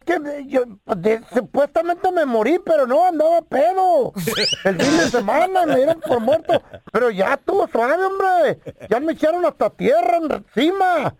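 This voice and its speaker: A man's voice: extremely high pitch, expressive, normal speed, a little mellow. A man voicing a drunk man who wakes up buried alive in a coffin and begs over the phone to be let out, insistent and pleading. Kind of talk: prank phone call.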